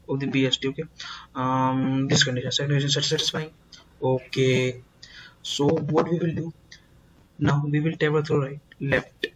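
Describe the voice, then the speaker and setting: A man teaching a coding lesson, explaining slowly and emphatically, repeating words and filling pauses with "uh". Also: mid-range voice, a little hiss or hum, low-quality recording. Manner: slow, repetitive, emphatic explaining with many fillers. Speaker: programming tutor.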